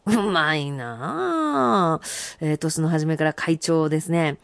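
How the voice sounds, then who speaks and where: A woman with a Kansai accent hosting a radio show, warmly reading out listeners' short poems in a playful way. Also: gravelly, no echo. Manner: lively, playful, recites poems slowly with big pitch jumps.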